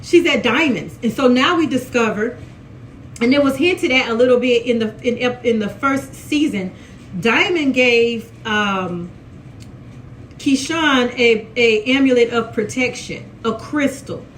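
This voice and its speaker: A woman's voice: on the high side, unhurried, slight background noise. A woman from Mississippi with a Southern accent, chatting casually through a TV episode recap and often restarting her sentences. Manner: chatty, animated, restarts a lot. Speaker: TV recap vlogger.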